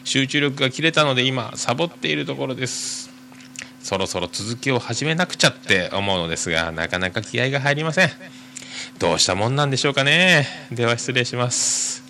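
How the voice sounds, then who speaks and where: A man hosting a podcast, reading listener mail aloud and chatting casually in a rambling, hesitant way full of drawn-out fillers. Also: mid-range voice, animated, gravelly, sharp tone. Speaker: podcast host.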